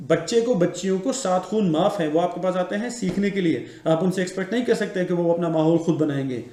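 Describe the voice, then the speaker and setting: Male teacher, earnest lecturing, high mellow voice, roomy echo. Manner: earnest, lecturing, repeats phrases. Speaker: English teacher. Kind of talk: lecture to camera.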